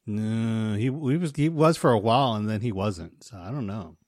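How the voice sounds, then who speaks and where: A man's voice: fairly low pitch, moderate pace, a little mellow, no room sound, clean studio sound. A man co-hosting a casual movie podcast, easygoing and agreeable, often trailing off. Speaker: podcast co-host.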